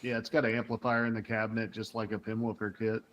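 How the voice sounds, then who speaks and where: Guy on a stream chatting casually, lowish voice, bit of background noise. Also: little pitch movement, quick pace, a bit bright, low-quality recording. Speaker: guest on a live chat stream. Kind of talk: casual chat.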